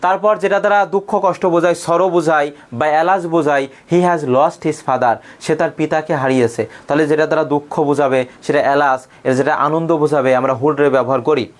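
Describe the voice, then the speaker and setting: A man teaching an exam-prep grammar lesson, asking questions and repeating the answers slowly, and reading example sentences with acted feeling. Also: fairly high pitch, fairly even intonation. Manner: repeats key answers slowly as call-and-response.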